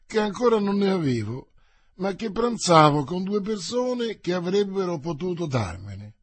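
A man voicing a bold young male musketeer in an audiobook reading, speaking briskly and emphatically. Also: sits high, sing-song, husky, dry recording, voice pushed up, heavily acted. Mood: eager.

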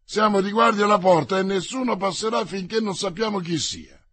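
A rough, menacing gate guard, as a man reading the story voices him barks loud, gruff orders. The voice is pushed higher and harsher than the reader's own. It sounds husky and dry, like an audiobook for radio. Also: fairly quick, no room sound.

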